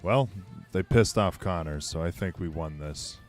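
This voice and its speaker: A man's voice: sits low, measured pace, soft background music. A man voicing a proud, fierce male vampire fighter who talks bluntly and swears. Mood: smug.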